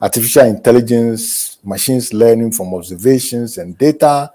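A man, giving a prepared keynote speech in a measured, deliberate way from a home study over a video call. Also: medium pitch, mellow. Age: 70s. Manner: measured, deliberate delivery with pauses. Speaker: keynote speaker. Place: home study with bookshelves, indoors. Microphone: earphone headset on a video call.

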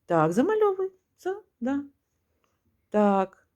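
A woman's voice: high-pitched, wildly swooping pitch, darkish tone. Patient woman teaching a music lesson. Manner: patient, prompting the pupil, claps and chants rhythms slowly.

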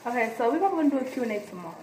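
A woman's voice: fairly high pitch, very animated, rapid-fire, darkish tone, echoey room, slight background noise. Giggly teen girl vlogging casually. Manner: giggly, talks over others. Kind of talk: casual chat. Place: outdoors near apartments.

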